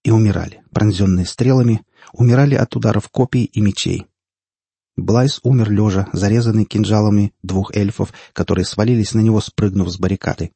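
Gravelly, dark-voiced male audiobook reader. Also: fairly low pitch, no room sound. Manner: measured, steady reading. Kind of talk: fantasy audiobook narration.

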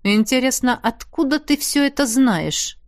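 A woman's voice: high-pitched, lively intonation, unhurried, no echo, clean studio sound, pitched above the performer's own voice. A woman doing Kjer, a wry grumbling husband. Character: adult man, a wry, guarded husband.

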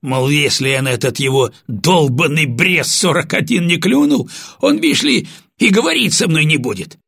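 A man voicing a brutal, exhausted male state security sergeant in an audiobook, shouting abuse with a husky voice. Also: a little high, big pitch swings, normal speed, no echo, clean studio sound, pitched above the performer's own voice, full character voice. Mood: sneering. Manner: snarling, abusive shouting.

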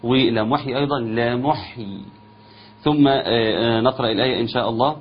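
A man's voice: mid-range voice, fairly even intonation, breathy edge, lo-fi sound. Egyptian man teaching Quran recitation. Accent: Egyptian Arabic. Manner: explains quickly, then slows to chant verses. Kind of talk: tajweed lesson with chanted recitation.

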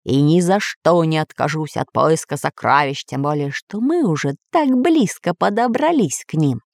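A woman's voice: low voice, expressive, moderate pace, darkish tone, dry recording, studio quality. A woman voicing a stubborn, red-bearded male robber who speaks in a growl. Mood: gruff. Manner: growling, defiant.

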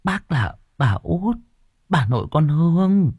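A male reader lifts his voice into a frail, grieving grandmother. She stammers and her husky voice swings wildly up and down. The sound is dry and close. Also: a little high, very animated, takes it slowly, darkish tone, no echo, voice pushed up, exaggerated voice. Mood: worried.

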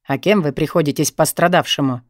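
A woman's voice: deep voice, brisk, dry recording, voice pushed down, natural voice. A woman reading an audiobook, voicing a formal male police major who speaks dryly. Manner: dry, formal.

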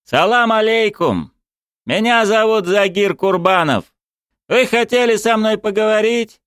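A man's voice: high-pitched, expressive, measured pace, no room sound, studio quality, pitched above the performer's own voice. A man voicing an evasive, frightened young male driver in an audiobook. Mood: wary polite. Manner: defensive, shouting back.

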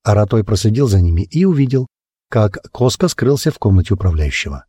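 A man narrating an audiobook with an expressive, varied delivery. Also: lowish voice, brisk, husky, dry recording, studio quality.

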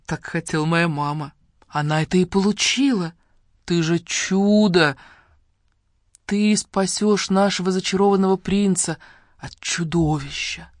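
A reader voicing a rude, scolding old village woman who shouts coarse, bossy lines at a young woman. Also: medium pitch, measured pace, no echo, studio quality, pitched above the performer's own voice, close to an everyday voice. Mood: sugary.

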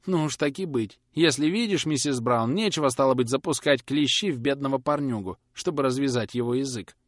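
A man's voice: on the high side, animated, moderate pace, no echo, studio quality, pitched above the performer's own voice, close to an everyday voice. A man doing a whining, desperate young lad. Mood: pleading. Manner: whining, pleading. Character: nervous young male knife-grinder, desperate and pleading.

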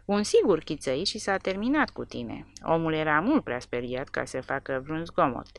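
A woman reads a war novel aloud with dramatic expression. Her voice sits low but moves with lively pitch. The recording is close and dry. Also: no room sound. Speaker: audiobook narrator.

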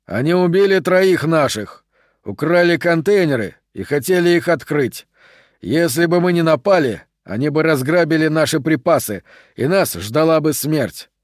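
Guy doing a stern bearded colonel yelling orders, pitched up and loud. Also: expressive, normal speed, dry recording, studio quality, close to an everyday voice. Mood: barking. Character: stern bearded male army colonel, commanding.

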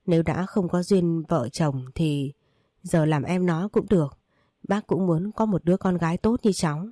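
A woman's voice: on the low side, normal speed, dark tone, no room sound, studio quality, natural voice. A woman voicing a grieving elderly widowed mother who pleads for her son. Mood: sorrowful. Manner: pleading, sobbing words.

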